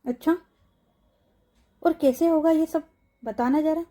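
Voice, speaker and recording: A woman voicing a frightened young woman who pleads anxiously, in a high, mellow voice. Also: slow. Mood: defiant.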